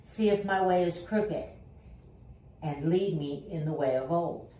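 A woman's voice: low voice, a little slow, mellow. A middle-aged woman reading scripture solemnly as a lector in a small chapel. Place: small wood-panelled chapel. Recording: echoey room, distant mic, faint noise.

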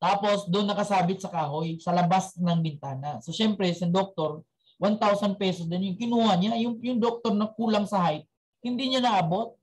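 A man's voice: sits high, normal speed, a little mellow, poor audio. A man who has young children, giving a chatty motivational talk at a team meeting and quizzing his audience before telling a story. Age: adult with young children.

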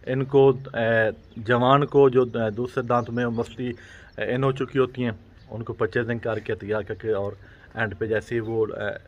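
A dairy farmer, explaining his heifer business in a steady, unscripted way with frequent hesitation sounds. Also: mid-range voice. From Pakistan. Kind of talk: unscripted interview answers. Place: outdoors at a farm. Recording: slightly dull outdoor recording.

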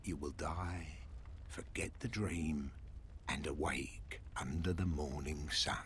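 An actor playing a weary, solemn old hunter mentor in a video game, speaking in a grave, measured way. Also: male voice, extremely low pitch, fairly even intonation, a bit bright, breathy edge, heavily acted. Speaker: game character.

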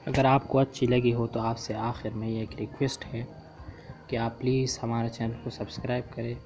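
Very deep-voiced woman teaching hesitantly. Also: flat delivery, normal speed, darkish tone. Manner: hesitant, with frequent filler sounds and restarts. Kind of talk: lecture-style lesson. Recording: dull lo-fi with faint music.

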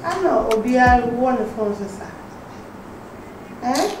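A woman's voice: a little high, animated, measured pace, music in the background. An actress playing a chatty woman with a Ghanaian accent, mixing Twi and English. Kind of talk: comedy drama acting. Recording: distant echoey room with noise.

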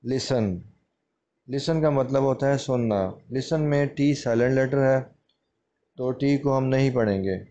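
A man teaching English pronunciation as a lesson, repeating each word slowly and explaining its meaning. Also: mid-range voice, mellow, highs cut off, a little hiss or hum.

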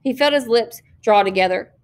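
A woman reads a children's novel aloud to her listeners as a teacher. Her voice sits a little high, and she narrates steadily and expressively, with an occasional slip or restart. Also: normal speed. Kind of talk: read-aloud storytelling.

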